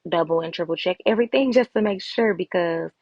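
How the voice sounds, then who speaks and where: In a muffled recording, a woman with a lowish, darkish voice talks fairly quickly through a sewing vlog tutorial. Her voice-over is chatty and informal, addressing viewers as y'all, with speech slightly slurred by a retainer.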